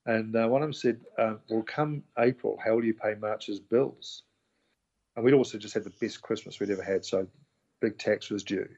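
On a muffled recording, a man with a New Zealand accent talks through his story as an interview guest in casual conversation. His voice is on the low side at a normal speed, and he's animated, acting out quoted dialogue.

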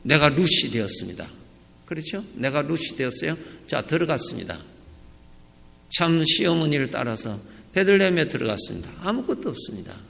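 A man preaching a sermon as a pastor, lively and emphatic, with loud peaks and quiet asides. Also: a little high, brisk, vocal fry. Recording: reverberant church hall.

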